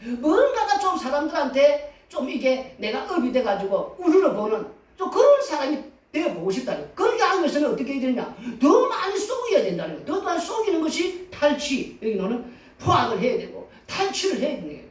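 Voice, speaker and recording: A woman pastor preaching a Sunday sermon, animated and laughing often as she acts out everyday voices. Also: high voice, fairly quick. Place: church sanctuary. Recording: roomy echo from a distant mic.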